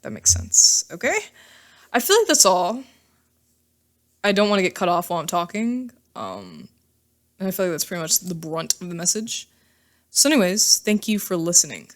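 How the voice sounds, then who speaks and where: A woman with a somewhat low voice talks through a tarot reading in a casual, chatty way. She reassures her listeners and keeps tagging her points with quick check-ins. The delivery is informal and full of little asides. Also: big pitch swings. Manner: reassuring, ends many phrases with "okay?" and "all right?". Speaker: tarot reader. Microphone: microphone.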